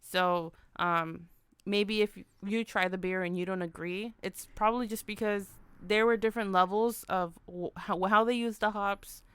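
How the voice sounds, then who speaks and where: A woman's voice: medium pitch, fairly even intonation, normal speed, fairly bright tone, clean tone, no room sound. A woman co-hosting a casual beer podcast, reading out hop facts with many restarts and corrections. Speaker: podcast co-host. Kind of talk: casual chat.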